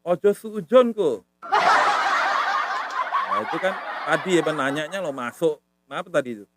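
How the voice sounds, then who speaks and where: Higher-voiced man teaching casually. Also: animated, moderate pace, heavy background noise. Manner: repetitive, patient, says "ya" often. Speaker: language teacher. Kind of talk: casual live-stream lesson.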